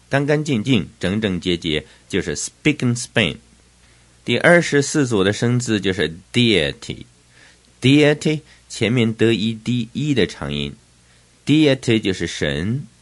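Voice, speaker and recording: An older man with a low voice that rises and falls a lot teaches English vocabulary in Chinese. He works through a numbered word list and spells words out letter by letter. He slows down whenever he says an English term. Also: very animated.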